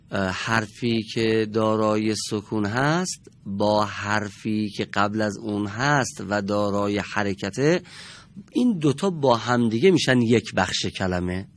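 A man teaching Quran recitation to a class, patiently correcting and praising students and slowly modeling the verses. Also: lowish voice. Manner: drawn-out slow recitation when modeling verses. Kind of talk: classroom lesson with students reading aloud.

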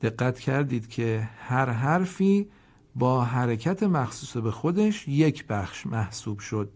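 A man teaching Quran reading, spelling words letter by letter and vowel by vowel, then reading each whole word slowly, with polite, formal classroom address. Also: medium pitch, very animated, a little mellow. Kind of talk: slow instructional lesson.

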